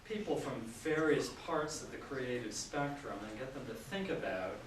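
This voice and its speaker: A man's voice: mid-range voice, animated, normal speed. Man in his 60s lecturing in an echoey hall. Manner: chatty and self-deprecating, with many fillers. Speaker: professor giving a public lecture. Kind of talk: informal public lecture. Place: large lecture room with an audience. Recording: echoey hall, mic at a distance, audience noise.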